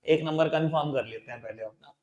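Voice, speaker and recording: A man teaching accountancy in a classroom lecture. He dictates entries slowly, mixes English terms with an Indian accent, and coaxes his students as beta and babu. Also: on the high side, a little mellow. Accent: Indian English mixed into Hindi. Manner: addresses students as beta and babu, coaxing and repetitive.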